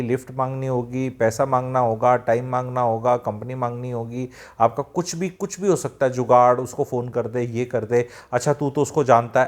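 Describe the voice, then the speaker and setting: A man speaking directly to viewers in an advice talk, plain-spoken and addressing them as friends. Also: medium pitch. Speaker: self-help speaker.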